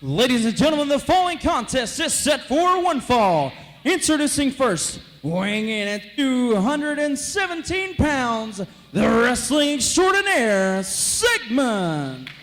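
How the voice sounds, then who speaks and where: A man working as a wrestling ring announcer, giving a grand entrance announcement with drawn-out, shouted names. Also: very high-pitched, sing-song. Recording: echoey hall PA with music.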